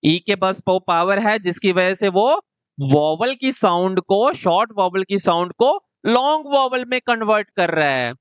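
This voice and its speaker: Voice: mid-range voice, animated, clean tone, dry recording. Patient phonics teacher, dry close recording. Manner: slow, question-and-answer explaining. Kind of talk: classroom phonics lesson.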